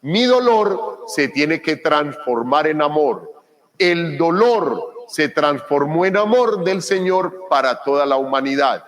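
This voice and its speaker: A Colombian priest preaching a gospel reflection, his fairly high voice moving slowly and deliberately. He acts out the scripture in colloquial dialogue and speaks to his listeners as children. Long reverb trails each phrase, as if in a large church. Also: expressive. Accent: Colombian Spanish.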